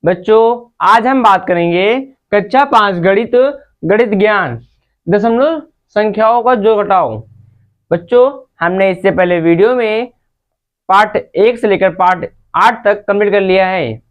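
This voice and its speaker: Woman teacher, voice-over maths lesson for children: patient, methodical, mid-pitched. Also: measured pace, dull audio. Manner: patient, repeatedly addresses the children.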